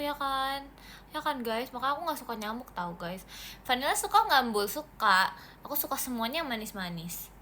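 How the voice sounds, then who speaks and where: A woman's voice: high voice, bright, forceful tone, a little hiss or hum. A woman livestreaming to fans in a casual, playful chat, reading comments aloud and mixing in English words.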